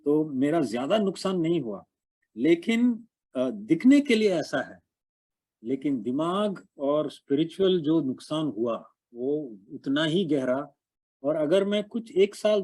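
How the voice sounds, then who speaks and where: Man from India, earnest halting testimony over an online call, dark relaxed timbre. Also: medium pitch. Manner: halting, earnest, many fillers and restarts. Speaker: recovering alcoholic sharing at a meeting. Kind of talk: personal testimony at an online support meeting. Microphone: online call microphone.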